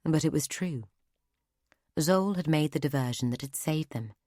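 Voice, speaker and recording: A woman narrates a fantasy audiobook in a steady, measured way. Her voice sits low, close to the mic. The recording is dry, with no room sound at all. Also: no echo. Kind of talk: scripted narration.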